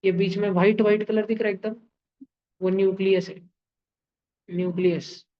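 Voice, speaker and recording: A man's voice: sits high, flat delivery, normal speed, highs cut off. A man teaching chemistry to a class in a playful way, with sound effects, homely comparisons and frequent checks that students follow. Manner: keeps checking with students through questions. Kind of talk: live online class lecture.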